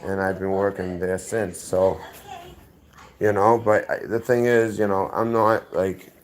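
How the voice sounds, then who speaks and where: Speaking in a low voice with little pitch movement, this guest talks a little slowly over a slight hiss or hum. He's from inner-city Boston and has a strong accent. His casual story rambles through tangents, keeps looping back, and gets corrected as he goes.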